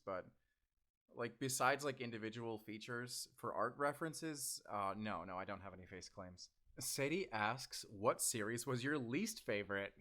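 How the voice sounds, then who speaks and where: A young man chatting casually while he answers fan questions, with lots of fillers and bursts of excitement. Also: mid-range voice. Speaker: audio drama creator answering fan questions. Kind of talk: casual Q&A chat.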